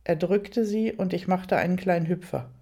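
A woman narrating a first-person audiobook story at an even storytelling pace, with light, amused touches. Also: fairly low pitch, normal speed.

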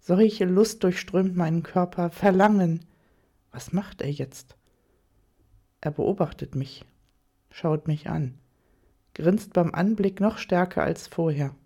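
A woman narrates an erotic audio story in the first person, speaking very slowly and softly. Her voice is on the low side with a breathy edge and a mellow, dark tone, and the recording's highs are cut off.

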